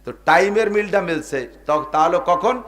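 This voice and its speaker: A middle-aged Bangladeshi man preaches to a crowd in a somewhat high voice. He swings between loud, emphatic bursts and quiet asides. He keeps turning to his listeners with rhetorical questions. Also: lively intonation, moderate pace, a little hiss or hum. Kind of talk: sermon.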